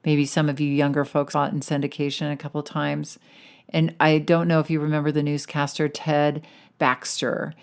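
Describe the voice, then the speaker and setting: A woman's voice: low-pitched, flat delivery, normal speed, smooth. A woman hosting a podcast as a weight-loss coach, talking in a casual, enthusiastic and encouraging way.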